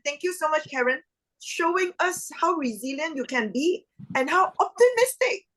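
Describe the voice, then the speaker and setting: A woman's voice: sits high, poor audio. A woman hosting an online event over a video call, upbeat with formal announcer phrasing. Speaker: event host.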